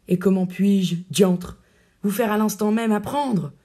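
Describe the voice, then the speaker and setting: A woman's voice: medium pitch, measured pace, natural voice. A woman reading a commanding swordsman-poet. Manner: commanding, hushed and urgent. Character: bold, scheming male swordsman-poet.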